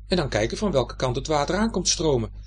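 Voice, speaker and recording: A man's voice: big pitch swings, fast, slight background noise. A man voicing a small boy lost in fog on the mudflats, anxious and grumbling. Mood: worried. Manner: anxious, grumbling, turns shrill and cross.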